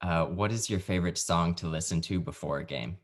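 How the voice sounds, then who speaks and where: A man's voice: sits low, a little fast. A male podcast host with an easygoing, jokey manner, interviewing a guest over a video call.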